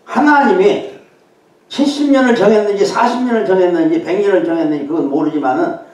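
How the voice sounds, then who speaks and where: A man's voice: sits high, fast, a little mellow. An older man, a guest preacher, giving a sermon in a conversational way, often adding short affirming interjections. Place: church sanctuary. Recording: very echoey hall, voice from far off.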